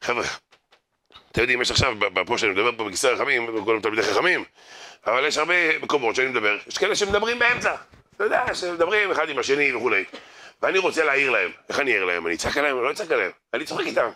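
A man giving a humorous religious lecture to an audience, telling stories, acting out the people in them and urging his listeners to pay attention. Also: medium pitch. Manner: lively storyteller who acts out others' voices and jokes; addresses the crowd directly, urging them to listen. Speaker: rabbi giving a Torah class.

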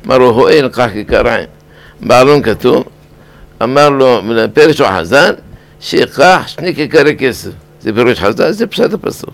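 Older male rabbi, gravelly and mid-pitched, preaching a weekly sermon with deliberate repetition. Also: expressive. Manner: deliberate, repeats words for emphasis. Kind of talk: weekly sermon on scripture and law.

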